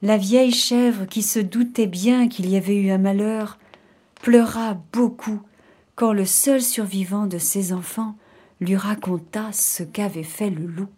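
A woman narrating a children's fairy tale in an expressive storybook reading. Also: medium pitch, husky. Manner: expressive, unhurried.

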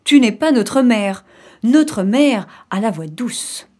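A woman voicing a group of little goat kids in a storybook reading, chanting loudly and defiantly. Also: a little high, lively intonation, slow pace.

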